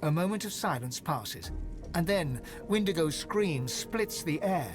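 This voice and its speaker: An actor narrating a dark fantasy video game as a solemn storyteller, in a grave, measured, literary manner. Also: male voice, on the high side, animated, faint music behind. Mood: grave, dramatic. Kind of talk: dramatic scripted fantasy narration.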